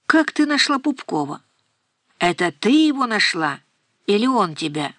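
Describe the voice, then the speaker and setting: An exasperated middle-aged mother shouts and scolds in a tense, raised voice, as a woman narrator puts her on. Her lines come fast and sharp. The audiobook sound is dry and close. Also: medium pitch, sing-song, no echo. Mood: frantic.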